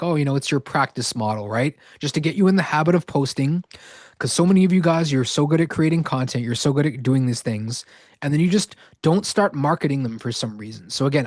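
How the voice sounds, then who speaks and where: A man hosting a live webinar sales pitch, slightly hoarse from talking, who tags nearly every sentence with "right?". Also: darkish tone, no echo, clean studio sound. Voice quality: verbal tic, repeating "right?". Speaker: online course host.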